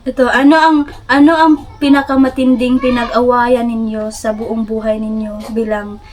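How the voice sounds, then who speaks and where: A woman's voice: a little high, flat delivery, normal speed, a little mellow. A young woman hosting a casual vlog interview, asking patient prompting questions. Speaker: vlogger, interviewer.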